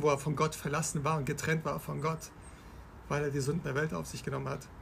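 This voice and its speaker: Gravelly man teaching the Bible. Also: a little high, a little hiss or hum. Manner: explains scripture step by step, asks the listener questions. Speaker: podcast host.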